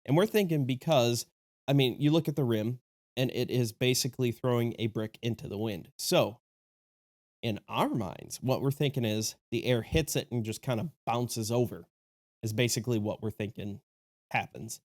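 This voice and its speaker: A man's voice: medium pitch, moderate pace, darkish tone, dry recording, clean studio sound. A sick man whose voice sounds a little off, hosting a casual review vlog in a chatty, enthusiastic and joking way. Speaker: disc golf video host.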